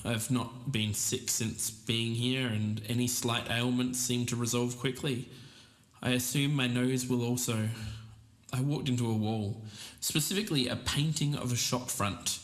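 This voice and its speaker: Speaking unhurriedly at a medium pitch, with fairly even intonation, the Australian man sounds close to his everyday voice. In the scripted audio drama he plays the careful, earnest co-host of a podcast looking into a mysterious lost show.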